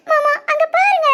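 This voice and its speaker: A woman voicing a playful, teasing young bride in an animated village family story, with a southern Tamil Nadu accent and a giggly, squealing way of talking. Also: extremely high pitch, exaggerated voice. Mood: frightened.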